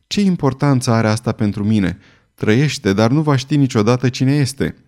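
A man's voice: medium pitch, lively intonation, darkish tone, lightly acted. Cold commanding queen, ruthless schemer in a storybook reading, read by a man; casting: plain audiobook reader doing her lines. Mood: dismissive. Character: scheming ruthless queen, middle-aged woman.

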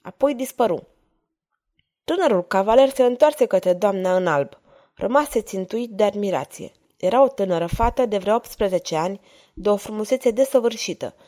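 A woman narrating a historical novel in an expressive, measured reading. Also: medium pitch. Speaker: audiobook narrator.

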